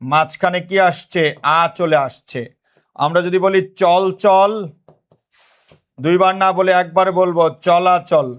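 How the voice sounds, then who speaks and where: High-voiced man teaching, call-and-response. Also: steady tone, highs cut off. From Bangladesh. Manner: repetitive call-and-response questioning; dictates notes slowly, repeating phrases. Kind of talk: online class lecture.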